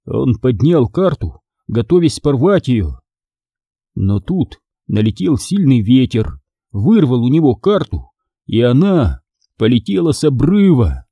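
A man's voice: medium pitch, sing-song, a little slow, dark tone, husky, no room sound, lo-fi sound. A man narrating an audiobook with dramatic storytelling. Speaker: audiobook reader.

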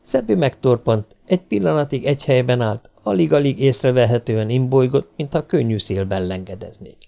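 Male audiobook narrator, mid-range, gravelly, measured pace. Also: mid-range voice. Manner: steady, measured storytelling. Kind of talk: audiobook reading of science fiction.

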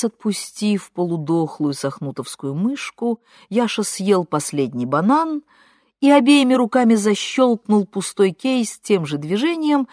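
Expressive woman narrating an audiobook. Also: fairly low pitch, no room sound, clean studio sound. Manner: expressive, ironic storytelling. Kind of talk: first-person literary narration.

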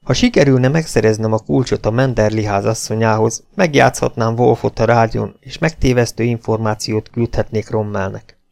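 A man's voice: fairly low pitch, fairly even intonation, gravelly, darkish tone. A man reading the part of a tough, wary British army officer in an audiobook, firm and clipped. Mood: determined.

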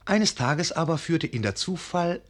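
An actor as the wry literary narrator of a radio play, telling it vividly with measured emphasis. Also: male voice, a little high, expressive, fairly bright tone. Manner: measured emphasis, addresses the listener. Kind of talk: dramatic storybook narration.

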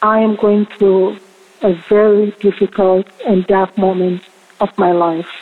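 Husky woman on a phone line. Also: mid-range voice, little pitch movement, unhurried. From Tanzania. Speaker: caller. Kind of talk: phoned-in prayer request.

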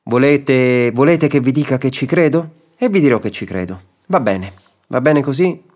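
A man voicing a calm, patient judge who reasons gently, in a radio story reading. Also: medium pitch, moderate pace, voice pushed up, lightly acted. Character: patient, wry male judge.

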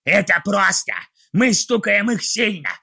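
A cruel, scheming goblin warlord. His voice sits high and shrill, with a tense, cutting edge and a gravelly, raspy grain. He barks and rants his orders. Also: a little slow, pushed and bright, exaggerated voice. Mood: ranting. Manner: barking, ranting orders.

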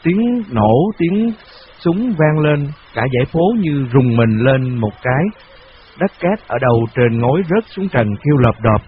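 A man reading a novel in steady, measured scripted narration, on a dull lo-fi recording. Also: medium pitch, slight background noise. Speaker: audiobook narrator.

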